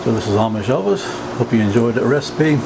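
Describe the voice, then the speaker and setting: Here the same homey kitchen narrator speaks quickly in a mid-range, creaky voice, keeping things casual and folksy as he demonstrates his cooking. A steady hum and room noise run underneath.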